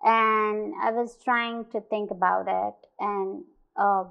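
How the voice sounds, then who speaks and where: A woman from India speaks about her art in a reflective, halting way, full of small pauses and self-corrections. Her voice sits at a middle pitch. The sound is a little dull and lo-fi. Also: fairly even intonation, gravelly, clean tone. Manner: thoughtful, hesitant, many fillers and restarts. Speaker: artist. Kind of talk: artist talk with slides.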